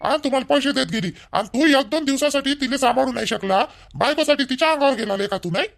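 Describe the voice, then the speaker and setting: A man playing an angry young son-in-law who demands money, shouting and rough. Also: very high voice, fast talker, full character voice. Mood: scolding.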